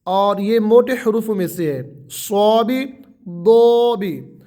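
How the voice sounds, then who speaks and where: A man with a warm, fairly high voice teaches a Quran tajweed lesson, patiently explaining each single letter sound. He draws the sounds out so his pupils can repeat them.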